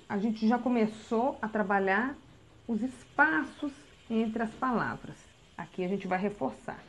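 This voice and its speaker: A woman, a literacy teacher giving a recorded lesson and explaining patiently step by step, often checking in with a quick "tá?". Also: fairly high pitch, rough recording.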